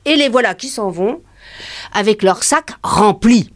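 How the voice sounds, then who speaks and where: An actress playing an excitable, bold working-class woman in a stage play, telling a story breathlessly and acting out the other people in it. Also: mid-range voice, measured pace, no room sound, studio quality, close to an everyday voice. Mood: excited. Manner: animated, breathless gossiping, acts out every voice. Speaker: storyteller recounting to a friend.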